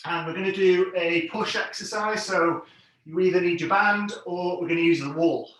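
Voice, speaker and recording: A man's voice: high-pitched, normal speed, a bit bright. A man instructing an exercise class, giving encouraging, plain step-by-step cues and counts. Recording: very echoey room, distant mic.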